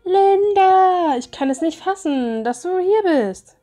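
A woman voicing an excited young bride who greets her old friend, reading the lines aloud with a raised, gushing delivery. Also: a little high, normal speed.

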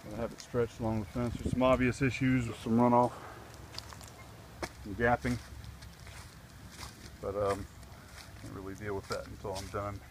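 A DIY vlogger with a fairly low voice and little pitch movement speaks at normal speed, pausing often, amid background noise. Outdoors in a wooded backyard, he talks through his fence work into a handheld camera mic, plain and practical, with fillers as he reasons aloud.

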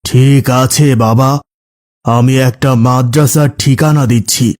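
Brief: actor as a grave older cleric for an audio ghost story, measured and very slow, dry close sound. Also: male voice, medium pitch, steady tone, darkish tone, no echo, close to an everyday voice. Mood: solemn. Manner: slow, solemn delivery.

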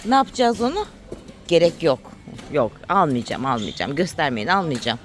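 A woman's voice: low voice, very animated, normal speed, slight background noise. A woman vlogging with her family, chatty and teasing, who coos at her pet dog. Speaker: vlogger mother living abroad. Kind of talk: casual family vlog chat.

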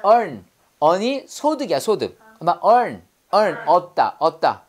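A woman's voice: fairly low pitch, sing-song, takes it slowly. A woman teaching English vocabulary in class, drilling students with call-and-repeat prompts and playful memory tricks.

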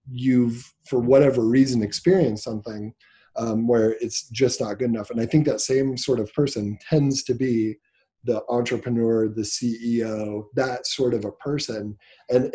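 A man with a lowish voice and a breathy edge, a Nebraska business owner, tells a personal story in an easygoing interview. He's an animated storyteller who voices the dialogue himself.

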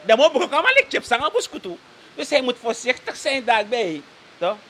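Animated and at a normal speed, a Surinamese Dutch-accented political commentator holds forth as a live talk show guest, voice high, bright, and forward. He keeps asking "toch?" at nearly every sentence's end and slips into Sranan, over a faint hiss.

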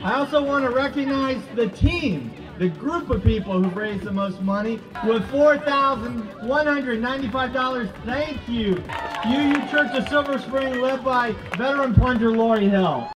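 A man's voice: extremely high pitch, normal speed. A man announcing to people at an outdoor event. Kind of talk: public address to a crowd. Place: outdoor waterfront rally. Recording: distant outdoor sound, music and crowd behind.

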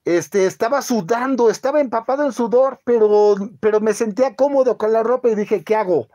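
A man, hosting a casual live-stream chat and telling a halting story full of fillers. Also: very high-pitched, mellow. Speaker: channel host.

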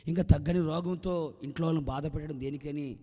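A man voicing a weary, long-sick woman who speaks in a low, subdued, lamenting way. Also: steady tone, fairly quick, mellow, lightly acted. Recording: long hall reverb.

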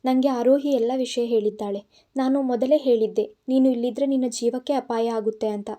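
A woman's voice: on the high side, steady tone, a little fast, mellow, close to an everyday voice. Woman reading as an angry protective young man. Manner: scolding, insistent. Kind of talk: audiobook narration.

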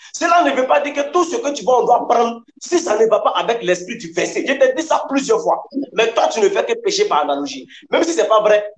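A man debating heatedly, combative and emphatic, hammering his points by repeating them. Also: very high voice. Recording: echoey room sound.

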